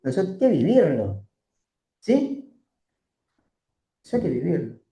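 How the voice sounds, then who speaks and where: Torah teacher, mellow, slow emphatic phrasing, rhetorical questions, reverberant room. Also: medium pitch, very animated. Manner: asks the class rhetorical questions. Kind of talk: teaching a scripture class. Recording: roomy echo.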